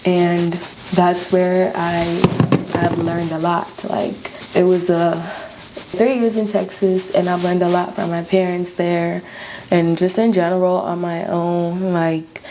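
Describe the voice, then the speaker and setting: Young american girl chatting on a vlog, lowish voice, slight lisp, noisy background. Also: level tone, slow pace. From Florida, United States. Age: early 20s. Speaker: YouTuber, beauty vlogger. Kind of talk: casual chatty vlog while doing makeup.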